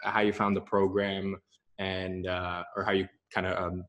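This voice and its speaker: A young man talks loosely as the host of a student interview. His voice sits low, and he rambles through fillers and restarts. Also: flat delivery, moderate pace, fairly bright tone, lo-fi sound. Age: young adult. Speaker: host and coach of a marketing program. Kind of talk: casual talk, then interview.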